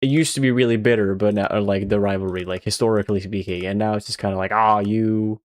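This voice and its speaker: A man's voice: lowish voice, steady tone, fast, no room sound. A young man from Sweden, chatting casually and swearing often while streaming a game. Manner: swears a lot and laughs at his own jokes. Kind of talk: casual gaming stream chat.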